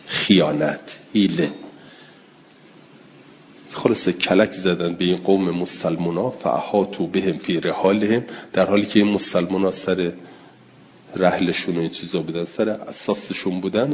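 A very low-voiced man teaches a class, reading out old passages and then breaking them down in plain speech. He stops now and then to answer questions with a quick yes or no. The recording is dull and muffled, with a faint hiss of noise underneath. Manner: answers listeners' questions with repeated yeses and noes. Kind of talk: classroom text-study lesson.

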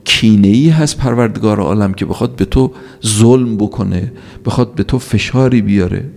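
A man with a low, gravelly voice preaches a religious sermon. His tone is dark and warm, and he delivers it emphatically, rising sharply on key points and asking rhetorical questions. His voice carries the long reverb of a large hall.

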